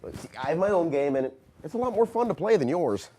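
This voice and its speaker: An actor playing a bewildered, sarcastic office slacker in a comedy drama. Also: male voice, on the high side, lively intonation, fast, heavy background noise, lightly acted. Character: bewildered, sarcastic slacker office worker, grieving his friend. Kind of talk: comedic audio-drama dialogue.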